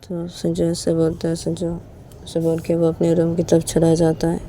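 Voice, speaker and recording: A woman's voice: sits low, completely flat delivery, moderate pace, dark tone, slight background noise. A woman narrating a romance story in a loose, repetitive storytelling manner.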